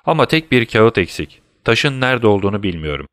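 Sherlock Holmes, alaycı ve soğukkanlı dedektif bir erkeğin sesiyle. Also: male voice, lowish voice, fairly quick, no echo, clean studio sound. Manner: calm, teasing, commanding. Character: cool, mocking male detective, middle-aged. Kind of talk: audiobook character voice.

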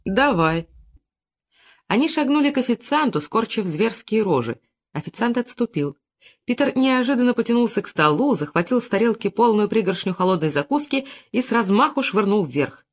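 Audiobook narrator, man, expressive and dramatic, wide lively pitch. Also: brisk.

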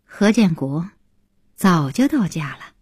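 A low, husky female voice reads a long novel aloud, rising and falling widely as she drives the drama, slipping into near-whispers at tense points. The sound is dry and close. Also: takes it slowly, no room sound. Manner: expressive, dropping to whispers in tense passages. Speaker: audiobook narrator.

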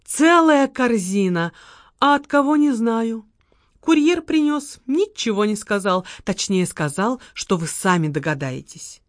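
Woman voicing a devoted older secretary, high pleading voice, sobs and coughs, dry recording. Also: very animated, measured pace, no room sound. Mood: dreamy.

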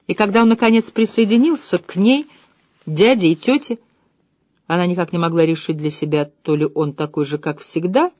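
Woman, audiobook narrator, measured calm reading, dry close recording. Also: fairly low pitch, no room sound. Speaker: audiobook reader. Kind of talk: scripted narration.

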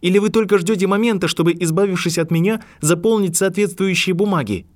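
A man reading an audiobook, voicing an angry, indignant eleven-year-old boy wizard who shouts in fast outbursts. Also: on the high side, expressive, no echo, clean studio sound, voice pushed up, lightly acted. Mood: hissing. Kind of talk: audiobook narration.

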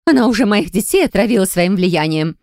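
A woman's voice: animated, brisk, a little mellow, no echo, clean studio sound, natural voice. A woman reading an audiobook and voicing a haughty, hysterical dragon woman who snarls and shrieks at her brother's mate. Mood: stubborn. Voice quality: shrill, hissing and snarling.

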